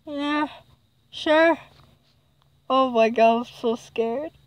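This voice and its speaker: A woman's voice: high-pitched, very slow, smooth, no echo, poor audio. Jumpy woman gaming with a dry voice. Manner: jumpy, often exclaims in fright; reads on-screen game text aloud. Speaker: gamer playing a horror game. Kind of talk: casual let's-play commentary.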